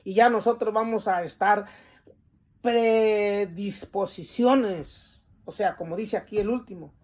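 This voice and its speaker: A man teaching a Bible lesson, reading definitions from the text and explaining them with pauses and the filler "este". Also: high voice, darkish tone.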